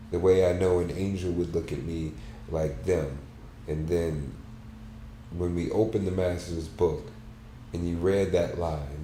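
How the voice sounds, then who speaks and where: Deep, slow man reading softly in an echoey room. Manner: soft, halting, measured delivery. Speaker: book club host. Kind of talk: reading a book aloud. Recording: roomy echo, faint background hum.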